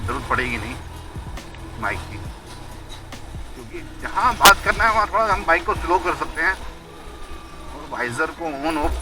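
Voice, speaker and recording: A man speaking from inside a motorcycle helmet while out on his bike, talking in a relaxed way and thinking aloud, picked up by an action camera in a waterproof case outside the helmet. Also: medium pitch, poor audio. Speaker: motorcycle vlogger. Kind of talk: casual talk while riding. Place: outdoors on a motorbike by a road with trucks.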